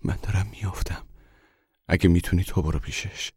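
A man voicing a heartbroken mother who speaks in a hushed, muffled voice. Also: sits low, steady tone, husky, no echo, studio quality, pitched above the performer's own voice. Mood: stifled grief. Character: heartbroken young mother, quiet and stifled.

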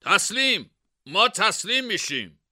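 A man's voice: high-pitched, very animated, sharp tone, no echo, clean studio sound, voice pushed up, full character voice. A man voicing a sly, scheming young male student in a storybook reading.

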